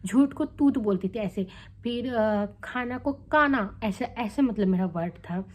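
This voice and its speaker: A woman's voice: medium pitch, measured pace, dark tone. A young adult woman vlogging casually to the camera, chatty and candid, often checking in with her viewers as she talks. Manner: chatty, candid, tags lines with "theek hai" and "hai na".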